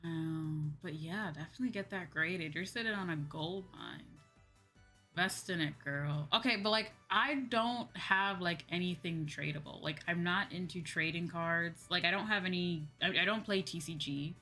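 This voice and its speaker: Over background music, a young livestreamer from the United States chats in a low-leaning, bright, forceful voice at a moderate pace. Her style is slangy and exclamatory, much like a VTuber casually talking to her audience.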